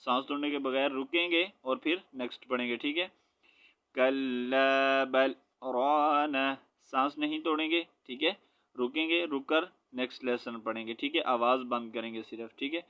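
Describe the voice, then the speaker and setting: A man teaching Quran reading, spelling each word letter by letter and then reciting it slowly, with a Pakistani Urdu accent. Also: mid-range voice, fairly even intonation, lo-fi sound. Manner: slow syllable-by-syllable spelling, then drawn-out recitation.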